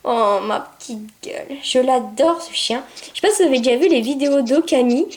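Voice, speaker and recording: High-voiced chatty woman gamer. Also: a little fast. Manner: chatty, excitable, coos at her puppy. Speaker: gameplay video maker. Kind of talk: casual gameplay commentary.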